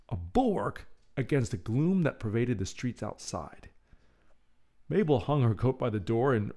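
A man in the role of bedtime storyteller and relaxation guide, speaking in a soothing, measured, expressive way. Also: medium pitch.

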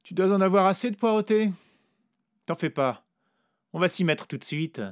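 A man's voice: sits high, normal speed, dry recording, studio quality, voice pushed up, close to an everyday voice. A man voicing a weary, blunt woman who coaxes and teases in a coarse, familiar way, reading a story aloud. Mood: coaxing.

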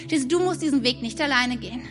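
A woman preaching a sermon, moving between animated questions and hushed, soft-spoken passages. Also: high voice, fast talker, music in the background.

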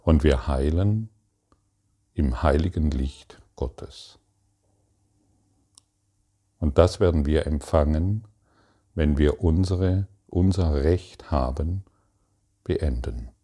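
A man giving a calm, meditative spiritual talk, speaking to the listener directly and asking probing questions in halting phrases. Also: rumbling low. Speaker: spiritual teacher.

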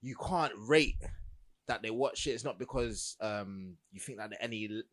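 A man's voice: fairly low pitch, normal speed, fairly bright tone. A young man with a London accent and roadman slang, hosting a casual podcast chat. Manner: roadman slang, urban London street talk. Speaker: podcast host.

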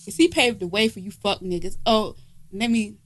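A woman's voice: medium pitch, normal speed. A woman co-hosting a casual comedy podcast from home, talking in a brash, profane, teasing way. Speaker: podcast co-host. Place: informal home setting, not a studio.

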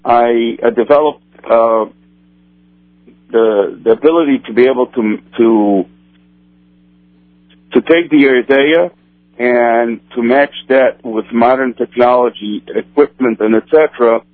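A Brazilian man whose first language is Portuguese, working as a kosher supervisor, answers interview questions haltingly with many restarts. His voice is medium-pitched, and the audio comes through a tinny, dry phone line with no echo.

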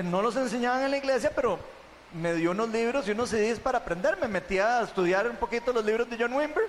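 Tico con voz alta dando testimonio, charla animada, sala con eco larga. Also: male voice, sits high, long reverb tail, slight background noise. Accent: Costa Rican. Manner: chatty, animated storytelling, tags sentences with "¿verdad?". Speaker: church member giving testimony. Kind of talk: personal testimony to a congregation.

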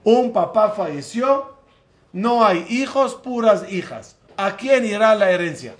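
High-voiced, slow-speaking rabbi teaching. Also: male voice, expressive. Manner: asks the class questions and acts out dialogue. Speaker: rabbi teaching a Torah class. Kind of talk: classroom Torah lesson. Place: room with a live class.

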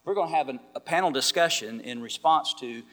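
A man's voice: mid-range voice, lively intonation, a little fast, fairly bright tone, in a large hall. A man, a pastor moderating a church panel in a friendly, joking, chatty way. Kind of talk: casual moderating at a church event.

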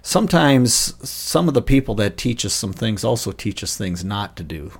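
A man with a somewhat low voice hosting a casual podcast interview. He asks questions in a friendly, encouraging way and often answers with short affirmations. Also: very animated, normal speed, gravelly, husky. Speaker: insurance agent, podcast host.

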